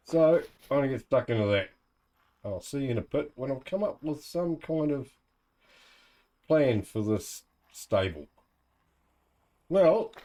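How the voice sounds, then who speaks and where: A gamer with a warm, medium-pitched voice and a New Zealand accent gives relaxed commentary on his own let's play, using casual speech and thinking aloud.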